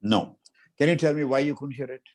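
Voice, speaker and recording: A man's voice: mid-range voice, a little fast, a little mellow. A middle-aged man from India guiding a guest through exercises in an interview, commanding and coaxing, repeating short instructions. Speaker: martial arts master guiding an interview demonstration. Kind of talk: instructing over a video call.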